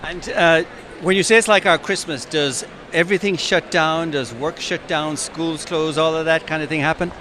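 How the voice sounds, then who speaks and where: A man's voice: on the high side, steady tone, normal speed, noisy background. A man hosting a podcast interview at an exhibition stand, chatting and asking short prompting questions. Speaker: podcast host. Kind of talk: casual interview. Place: busy exhibition hall stand.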